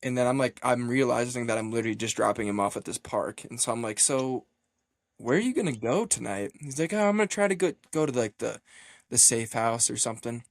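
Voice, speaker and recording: Casual storytelling from a man of middling pitch who gets animated, laughs through his tale and acts out each quoted line. He swears freely as he talks. The sound is close and dry, with no room around his voice. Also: fairly quick, gravelly, dry recording. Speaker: running team member telling a story.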